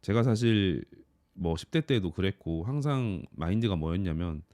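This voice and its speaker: A thirty-year-old man, an office worker and YouTuber, reflecting on his year in an earnest, calm personal monologue. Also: low-pitched, moderate pace, no room sound.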